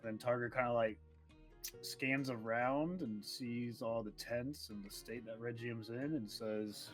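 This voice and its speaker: A man's voice: mid-range voice, fairly even intonation, unhurried, faint music behind. A man playing a tabletop game, rambling and throwing out goofy suggestions. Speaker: player. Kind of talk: tabletop role-play chat.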